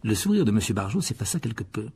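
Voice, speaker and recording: A man reads a novel aloud in a steady, measured manner. His voice sits low and is very husky, almost raspy, throughout. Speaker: audiobook narrator. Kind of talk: scripted audiobook narration.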